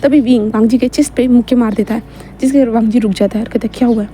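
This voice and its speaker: A woman's voice: fairly high pitch, fairly even intonation, fast talker, dark tone, slight background noise. A woman narrating fan fiction in a casual, chatty retelling with frequent fillers.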